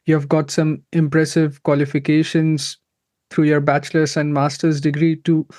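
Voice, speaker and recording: A man's voice: a little high, flat delivery, moderate pace, a little mellow. A man hosting an interview podcast, opening with a polished, upbeat scripted introduction before asking his guest questions. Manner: upbeat, polished presenter delivery. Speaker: podcast host.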